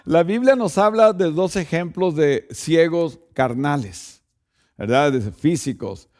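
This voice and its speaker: A man's voice: fairly high pitch, expressive, takes it slowly, a little mellow. A man, a pastor, preaching a sermon and speaking directly to the congregation, often checking in with rhetorical asides.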